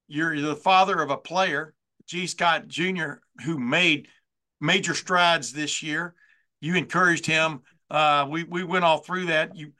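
A man's voice: on the high side, pushed and bright. A man in his sixties hosting a sports talk show, chatting in a rambling way with plenty of fillers and restarts. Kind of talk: casual sports interview.

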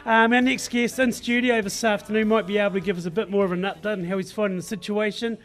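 A man's voice: sits high, steady tone, quick pace, fairly bright tone. A New Zealand man hosting a casual farming radio interview in a studio, speaking in informal, laid-back colloquial phrases.

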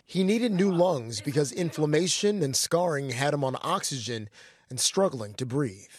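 A man's voice: a little high, lively intonation, normal speed, darkish tone, slightly rough. A man narrating a scripted TV news report.

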